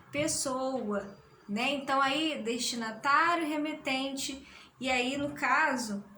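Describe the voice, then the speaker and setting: A woman's voice: high voice, pushed and bright, slight background noise. A woman with a Brazilian Portuguese accent teaching a recorded classroom lesson, explaining patiently and often checking that her students follow. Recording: roomy echo.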